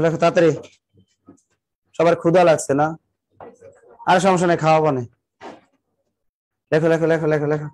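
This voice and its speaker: A male teacher giving a live online exam-prep class, repeating definitions slowly so students can write them down and urging them to hurry. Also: high voice. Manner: talks to viewers directly, greeting them by name and district.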